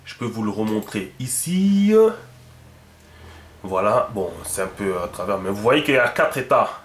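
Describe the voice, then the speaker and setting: A man's voice: lowish voice, expressive, a little slow, a bit bright, roomy sound, a little hiss or hum. A man giving a casual spoken lesson, thinking aloud with many fillers and repeated words, often checking that his listeners follow. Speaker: teacher.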